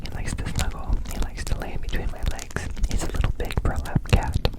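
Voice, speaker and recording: Man whispering a soft ASMR ramble. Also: brisk. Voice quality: fully whispered, unvoiced voice. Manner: softly repeats words and phrases. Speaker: host of an ASMR channel.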